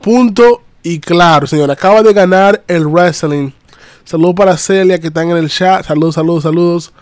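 On a live stream, a man recaps wrestling and greets his chat in a lively, chatty way. His voice sits a little high, his pace is moderate, and the recording is close and dry, with no room echo.

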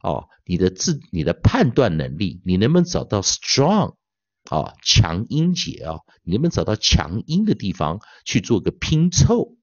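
A male pronunciation teacher giving an online lecture, dotting his speech with drawn-out filler particles and slowly repeating demonstration words. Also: on the low side, huge pitch swings, dry recording. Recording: dull lo-fi dry sound.

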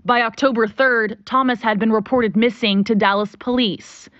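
Female TV news reporter, measured. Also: on the high side, fairly even intonation, fairly bright tone, lo-fi sound. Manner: measured, clear delivery. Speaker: field reporter.

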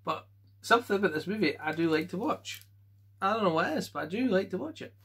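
Bright-voiced Scottish man chatting casually. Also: high-pitched, lively intonation, slightly rough. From Scotland. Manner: offhand quick verdicts, chuckles to himself. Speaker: collector showing his film collection. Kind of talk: casual chat.

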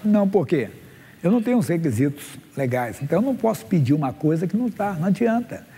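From a church stage, a pastor in his sixties preaches to his congregation, reading Bible verses aloud and putting questions to them. His voice sits on the high side, mellow and slightly rough, and he talks fast and animatedly, with long hall reverb around him.

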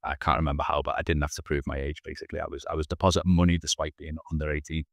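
Talking very fast in a gravelly bass voice with a level tone, a thirtysomething man shares his own story candidly and earnestly as a podcast guest over a video call, frequently starting his words over. He wears headphones in a small indoor room; the recording is dry and studio quality.

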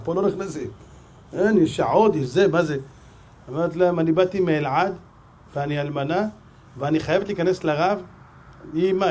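A man's voice: sits high, slightly rough. A man with an Israeli Hebrew accent, a rabbi giving a sermon full of stories and acting out the dialogue. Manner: animated storyteller, acts out dialogue. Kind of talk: sermon with storytelling.

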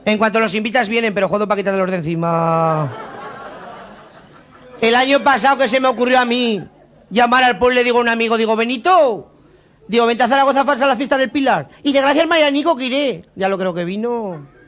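Aragonese guy rattling off jokes, high voice, folksy village manner, old cassette tape. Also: a little fast, fairly bright tone. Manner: folksy rural character voice, full of diminutives. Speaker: stand-up comedian. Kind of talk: live joke-telling routine. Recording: 1991 cassette tape of a live show.

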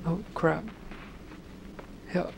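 A man commentating gameplay, swearing constantly and shouting at sudden deaths in a noisy home recording. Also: very slow. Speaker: let's play gamer.

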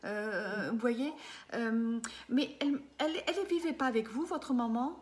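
Speaking a little slowly in a voice on the high side, this fiftysomething medium reads for a client live via her desk webcam in a small indoor room. She's hesitant and full of fillers, often checking with the listener, and there's slight background noise.

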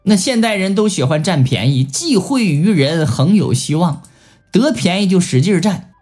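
A man's voice: high-pitched, normal speed, faint music behind. A man giving a Buddhist scripture lecture, telling stories and acting out the people he quotes. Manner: animated storytelling with acted-out quotes. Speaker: Buddhist teacher.

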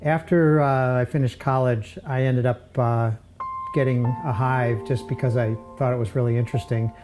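A man in his sixties, an amateur beekeeper from upstate New York, explaining his hives in a relaxed, halting way with many fillers, recorded outdoors in a backyard. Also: medium pitch, soft background music. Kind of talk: casual explanation while working.

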